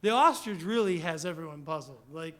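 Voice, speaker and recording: A man preaching a sermon in a church, animated and conversational, with quick asides and paraphrased dialogue. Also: on the high side.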